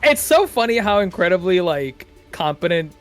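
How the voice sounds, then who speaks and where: A teasing, excitable man chatting as a streamer while they read a game together. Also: high-pitched, normal speed, faint music behind. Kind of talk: casual chat while reading a game together.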